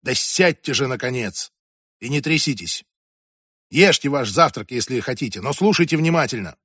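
A woman's voice: low voice, animated, normal speed, dry recording, clean studio sound, pitched above the performer's own voice. A man reading an audiobook and voicing a strict, imperious ex-senator in her eighties who talks in a commanding, impatient way. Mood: irritated. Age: 80s. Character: strict imperious old woman, former senator.

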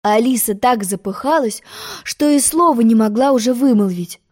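A woman calmly narrating a children's storybook. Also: on the high side, moderate pace. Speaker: audiobook narrator.

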